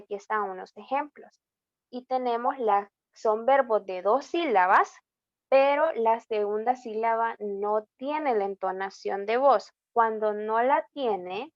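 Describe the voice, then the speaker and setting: A woman's voice: a little high, dry recording. A woman with a Salvadoran accent tutoring an online English class, explaining grammar rules step by step in a mix of Spanish and English and checking in with a frequent "ok?". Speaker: English teacher. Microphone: computer mic in an online class. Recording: dull, lo-fi online class audio.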